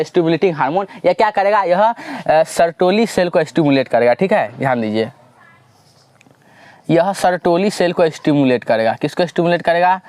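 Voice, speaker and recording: A man teaching biology in a classroom lecture style, repeatedly asking questions and answering them himself, pushing students to answer loudly. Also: a little high, dry recording. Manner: drills with repeated call-and-response questions.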